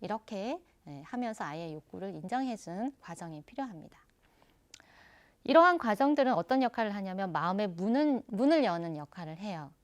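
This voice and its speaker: A woman giving an online parenting lecture, explaining calmly and addressing parents directly. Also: medium pitch, fairly quick, dull audio.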